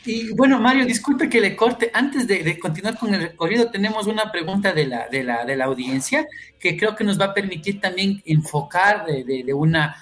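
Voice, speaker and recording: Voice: medium pitch, lively intonation, normal speed, a bit bright. Polite formal interviewer. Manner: polite, formal, stumbling restarts. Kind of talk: interview questions.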